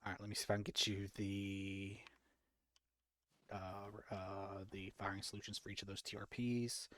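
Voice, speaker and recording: Man, lowish pitch, monotone, muttering while working, casual task-focused military game talk. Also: normal speed, dry recording. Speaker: player working out mortar firing solutions.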